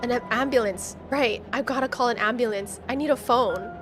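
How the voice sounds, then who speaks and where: A woman streamer with a slightly high voice and moderate pace plays a horror game live, reading on-screen text aloud. She reacts dramatically with plenty of slang while game music plays behind her.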